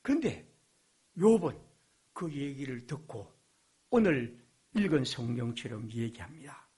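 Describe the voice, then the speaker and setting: A man's voice: mid-range voice, lively intonation, unhurried, dark tone, slightly rough. A man preaching a sermon, reading scripture aloud and explaining it in plain talk, and voicing God's questions with more force.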